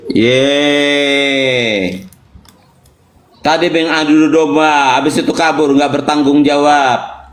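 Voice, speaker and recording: A man's voice: fairly high pitch, fairly even intonation, slow, reverberant. A man teasing and interrupting others in a casual online debate chat.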